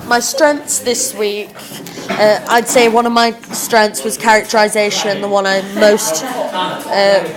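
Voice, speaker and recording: Young english girl w a bit of a rough chavvy accent, slow n hesitant, thinking out loud, people chattering behind her. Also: mid-range voice. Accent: English, slightly chavvy working-class. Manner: hesitant, halting, thinking aloud. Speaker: drama student recording a reflective blog. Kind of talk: informal spoken self-review.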